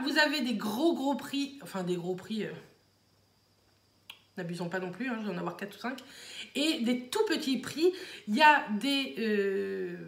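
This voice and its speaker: A woman's voice: a little high, roomy sound. A woman beauty vlogger chatting casually to camera, rambling with many fillers, at home. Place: small room at home.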